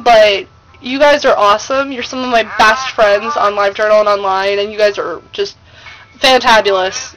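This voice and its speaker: High-pitched American woman, gushing casual vlogger. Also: fairly bright tone, a little hiss or hum, low-quality recording. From United States. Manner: gushing, slangy, emphatic. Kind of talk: casual chatty vlog monologue. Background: music playing.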